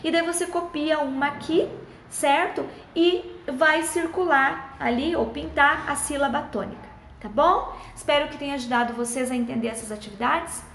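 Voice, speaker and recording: A woman's voice: sits high, moderate pace, a bit bright, slight background noise. A woman teacher, patiently explaining schoolbook exercises to children in a friendly way and checking in often. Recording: echoey room.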